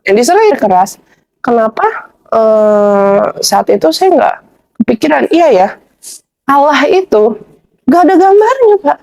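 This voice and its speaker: A woman guest telling her conversion story in a casual, animated way, slipping into slangy informal speech as she replays old arguments. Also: fairly high pitch, measured pace, gravelly, long pauses. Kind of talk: casual spoken testimony.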